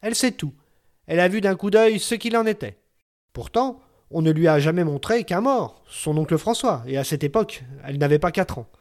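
A man reading aloud and voicing a gruff, bossy old woman neighbor who fusses and takes charge, pitching his voice higher for her. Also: expressive, a little fast. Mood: grumbling. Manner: brusque, bossy and fussing.

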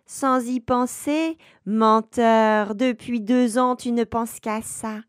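A woman's voice: a little high, steady tone, slow pace, no echo, clean studio sound. A woman voicing a spiteful old female witch in a sneering, mocking tone.

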